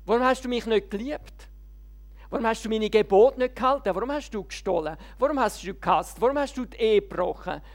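Brief: God as a stern judge firing off questions, fairly high voice, as a woman preacher quotes him. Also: fairly quick, lightly acted.

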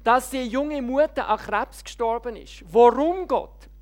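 A furious heckler bellows his grievances from a box in a public square, loud and pitched high. A woman preacher acts him out mid-sermon. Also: a little slow, lightly acted. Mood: angry shouting. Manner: shouting, lamenting. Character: angry heckling man on a soapbox.

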